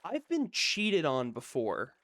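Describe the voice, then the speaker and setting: A man streaming a video game and chatting casually, telling a rambling story where he gets worked up and then talks himself calm. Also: on the high side, takes it slowly, dry recording, studio quality. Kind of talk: casual chat while playing a video game.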